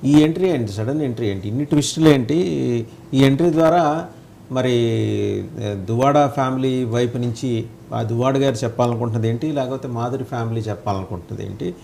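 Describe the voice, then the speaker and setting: A man's voice: medium pitch, a little fast, dark tone, slight background noise. A man anchoring a live TV panel debate, putting pointed, rising questions to his guests. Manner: questioning, rising emphatic queries.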